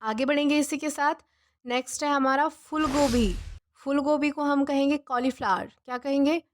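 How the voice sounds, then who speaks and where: A young woman with a high voice leads a vocabulary lesson. She asks a question, then answers it herself, repeating each word slowly and patiently. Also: steady tone, a little hiss or hum. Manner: slow, drilling pronunciation with repeated questions and answers. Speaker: English teacher. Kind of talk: spoken language lesson.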